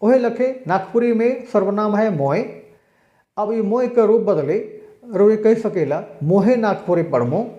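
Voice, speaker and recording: Slow-speaking male teacher. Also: high voice, expressive, warm tone, echoey room, muffled recording. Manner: slow explanatory lecturing with spoken examples. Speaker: language teacher. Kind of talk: recorded exam-prep lecture.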